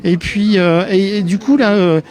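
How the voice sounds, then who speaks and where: A man's voice: sits high, fairly even intonation, measured pace, a little mellow. A man hosting a live interview at an outdoor market, chatty and joking, with many restarts. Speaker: host of a local web TV channel.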